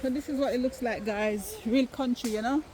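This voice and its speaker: A woman's voice: on the high side, normal speed. A woman from Jamaica with a Jamaican accent, chatting casually and emphatically in a family vlog, filmed outdoors in the countryside. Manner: animated, emphatic, playfully argumentative. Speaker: vlogger.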